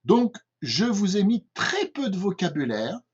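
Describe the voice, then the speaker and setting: Here an older man from France, an English teacher with a French accent, sounds high, husky and very animated while keeping a measured pace. His home-made lesson is patient and repetitive, peppered with "d'accord?" checks. The audio is dull and lo-fi.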